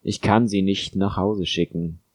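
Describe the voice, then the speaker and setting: A man voicing a calm, soothing but cold-hearted doctor in an audiobook, speaking quietly. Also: low voice, a little slow, slightly rough, no echo. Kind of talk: audiobook narration.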